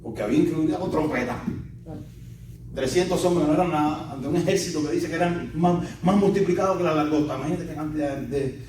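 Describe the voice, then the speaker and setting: A man's voice: fairly high pitch, brisk. A man preaching a sermon as pastor, fervent and given to repeated refrains. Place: church. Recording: echoey church hall, distant mic, guitar music.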